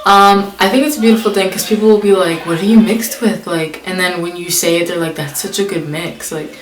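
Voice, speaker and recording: Speaking a little fast with fairly even intonation, this young woman vlogger has a voice on the low side. She reads the tag questions aloud and answers them casually, her chatty talk full of "like" fillers, in a room with noticeable echo.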